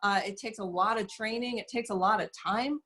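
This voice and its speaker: A woman talks as an interview guest, measured and earnest, often pausing on fillers as she explains. Her voice sits at a middle pitch. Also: pushed and bright. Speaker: guest, soap company representative. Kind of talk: casual interview talk.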